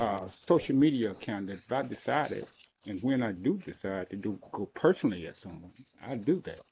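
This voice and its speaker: A man's voice: medium pitch, creaky, slight background noise. A man from Mississippi, speaking earnestly and insistently during public comment, heard on a courtroom-style meeting recording. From Mississippi, USA. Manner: earnest and insistent, pressing his points. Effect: lo-fi public meeting hall recording, like a courtroom tape. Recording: dull lo-fi meeting room recording.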